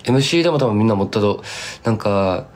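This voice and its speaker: Fast and lively in intonation, this man has a lowish, a little mellow voice. He's a young singer-songwriter from Kumamoto, Japan, rambling casually with fans on a live stream and slipping into thick Kumamoto dialect.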